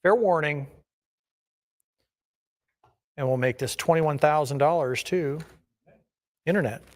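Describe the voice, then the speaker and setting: A man's voice: fairly high pitch, moderate pace. A man working as an auctioneer, calling bids in a repetitive chant of numbers and increments.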